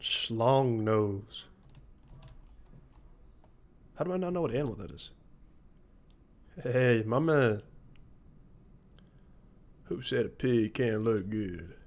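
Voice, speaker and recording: A young man streaming a game, joking around in casual commentary with sudden loud outbursts. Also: medium pitch.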